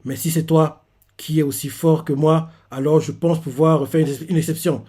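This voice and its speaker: A man's voice: on the high side, flat delivery, moderate pace. Man reading out a hot-tempered young warrior. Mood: blunt. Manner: gruff, insulting, shouting retorts.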